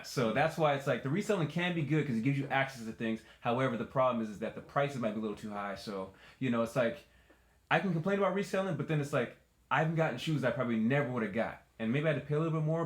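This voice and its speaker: A man's voice: mid-range voice, lively intonation, quick pace. A man co-hosting a casual sneaker chat show, opinionated and teasing, talking things through in a conversational way. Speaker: co-host. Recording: echoey room.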